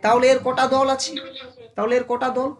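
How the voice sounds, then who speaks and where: A teacher giving a casual online class who speaks familiarly to the students, keeps asking if they follow, and slows down to sound out syllables one by one. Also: sits high, level tone. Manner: addresses students familiarly, asks them constant check questions.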